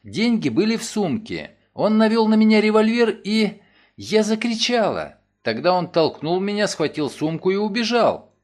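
A man's voice: high voice, big pitch swings, moderate pace, a little mellow, pitched above the performer's own voice. A man voicing an anxious young woman who was robbed, speaking in a raised, breathless and pleading way in an audiobook. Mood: agitated.

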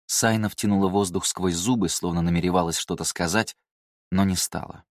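Male audiobook reader, very low voice, dry close recording, measured delivery. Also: steady tone, no room sound. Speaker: audiobook narrator. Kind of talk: scripted narration.

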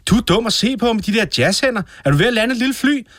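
A man voicing a smug, tactless woman radio host who speaks in a patronizing, deliberate way. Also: very high-pitched, expressive, fairly bright tone, no echo, studio quality. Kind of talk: sketch comedy.

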